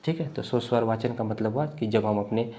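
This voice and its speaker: A man from the teaches an exam-prep lecture while unwell. He explains slowly and repeats himself, often checking in with "thik hai". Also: on the low side, mellow. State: unwell, coughing.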